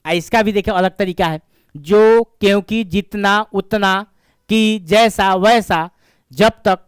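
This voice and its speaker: Male grammar teacher, smooth and clear, drills by question and answer. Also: high voice, fairly even intonation, takes it slowly, no echo, clean studio sound. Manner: repetitive, asks and answers his own questions. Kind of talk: classroom grammar lesson.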